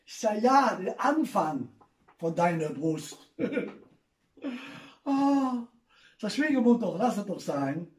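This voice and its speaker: A man's voice: sits high, very animated, takes it slowly, long pauses, darkish tone. A man with a Rhineland German accent telling carnival jokes at home, chuckling at his own punchlines. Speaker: carnival comedian. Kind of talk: stand-up joke telling. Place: home living room. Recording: echoey room, distant mic.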